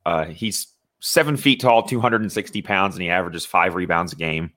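A man's voice: sits low, fairly quick, bright, forceful tone, no room sound. A young man from Indiana, co-hosting a sports podcast in a loose, conversational way with lots of fillers and restarts. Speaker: podcast co-host. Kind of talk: casual sports talk.

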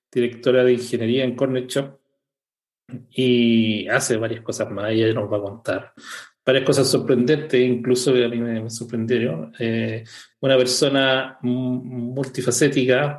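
A man hosting a podcast, talking in a relaxed, halting way with frequent restarts. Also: mid-range voice. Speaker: podcast host. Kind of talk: casual interview chat.

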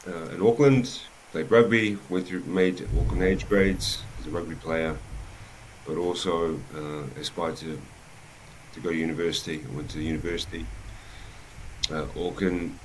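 A rugby coach with a New Zealand accent tells his life story as an interview guest, speaking in a low-pitched voice at an unhurried pace with many pauses. The recording is low quality, with slight background noise.

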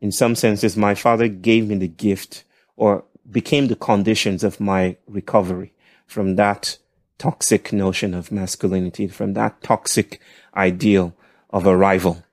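A man with a nasal voice that sits on the low side. He talks as a podcast guest in a reflective, halting way, pausing often. The recording is dry and close. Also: flat delivery, no echo. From Nigeria. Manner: thoughtful, halting, with soft laughs. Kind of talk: reflective conversational storytelling.

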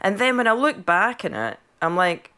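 A Scottish woman at a middling pitch, talking easily as a podcast co-host over a video call. She is chatty and thoughtful and laughs readily as she muses. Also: very animated, normal speed, a loud crowd. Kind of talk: casual chat.

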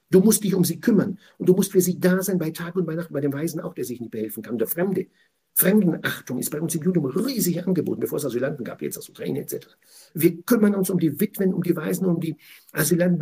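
A man giving a passionate weekly Torah commentary, swinging between quiet explanation and loud, indignant outbursts. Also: a little high.

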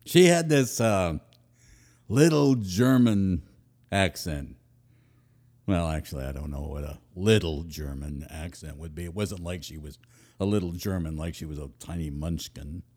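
A man hosting a podcast, telling a comic story in a wry, self-mocking way, swinging between loud and murmured. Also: low voice. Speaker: podcast host, author.

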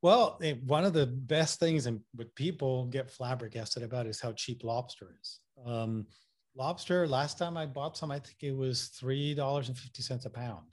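Chatting casually as a guest in an interview, a Puerto Rican photographer talks at a moderate pace in a mid-range voice. His accent mixes Puerto Rican and Massachusetts features, and his eager, loose style is full of fillers and sentence restarts.

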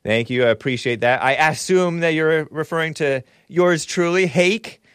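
A man hosting a live stream in a casual, rambling monologue, shifting between deliberate reading aloud and off-the-cuff replies. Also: fairly high pitch, a bit bright, smooth, dry recording, studio quality.

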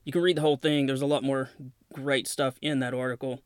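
A podcast host with a Southern accent talks casually through defense news, reading press releases aloud and adding plain asides. His mid-range voice is clear and resonant, with a level tone and a fairly quick pace. The recording is dry and studio quality.

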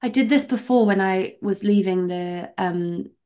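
A woman's voice: mid-range voice, measured pace. Chatty young woman telling a story. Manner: chatty, animated storytelling with many "like" fillers. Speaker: podcast guest. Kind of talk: casual interview chat.

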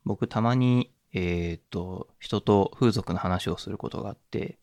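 Low-voiced man musing on a podcast. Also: measured pace, gravelly, a little mellow, no echo, studio quality. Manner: reflective, musing, many fillers and restarts. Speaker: podcast host. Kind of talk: casual solo podcast talk.

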